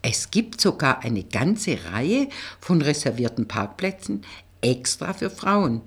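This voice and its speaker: A woman reading an audiobook, voicing a confident, flirtatious male police colleague in a slightly lowered, teasing tone. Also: sing-song, takes it slowly, slightly rough, full character voice. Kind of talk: audiobook character voice.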